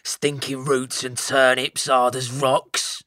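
A man voicing a burly, boastful male stoat warrior, coarse and swaggering with rough dialect grammar. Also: mid-range voice, flat delivery, slow, bright, forceful tone, no room sound, voice pushed up. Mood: sneering.

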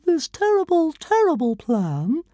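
A woman voicing a tiny, boastful male nano dragon emperor with a high, grand, sing-song manner. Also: huge pitch swings, unhurried, mellow, no room sound, studio quality, full character voice. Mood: gleeful boasting.

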